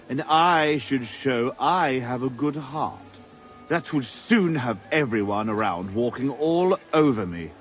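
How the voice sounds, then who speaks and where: Proud bandit leader, crude, blunt, scornful, game dialogue, lively intonation, music behind. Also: male voice, mid-range voice. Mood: mocking, stubborn. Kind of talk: video game dialogue acting.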